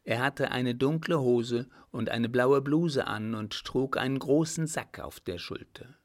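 A man reads a novel aloud in a measured, steady storytelling manner. His voice carries a gravelly texture. He takes the text at a slow, unhurried pace. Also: medium pitch. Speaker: narrator. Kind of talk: audiobook reading of a novel.

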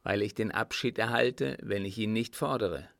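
A man reading an audiobook voices an earnest young army officer who speaks calmly and politely. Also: fairly low pitch, vocal fry, no room sound, clean studio sound. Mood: resigned. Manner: calm, measured and formally polite.

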